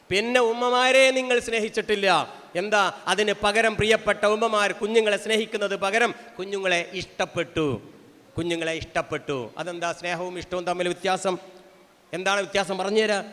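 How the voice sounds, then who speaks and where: A man's voice: high-pitched, pushed and bright. A man gives an impassioned speech at a family gathering, preaching with rhetorical questions and repetition. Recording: long hall reverb.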